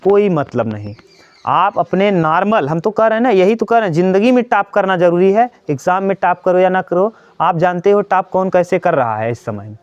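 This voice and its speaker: A male teacher gives students an earnest motivational lecture, repeating himself and posing questions he answers. His voice sits a little high for a man. The sound is dry and slightly muffled. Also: lively intonation, normal speed, no echo. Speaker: coaching teacher. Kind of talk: motivational talk to students during a maths class.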